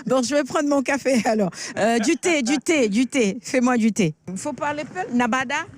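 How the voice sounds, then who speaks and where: A woman field reporter presenting a street chronicle outdoors, chatting and asking lively questions. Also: high-pitched, normal speed.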